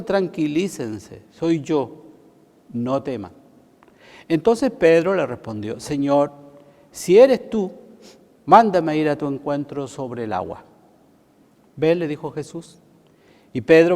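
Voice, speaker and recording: A man serving as priest, reading the gospel aloud in a measured, solemn way, his voice ringing with cathedral echo. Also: a little high, darkish tone. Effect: cathedral echo, long church reverb. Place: large church. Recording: long reverb of a big church.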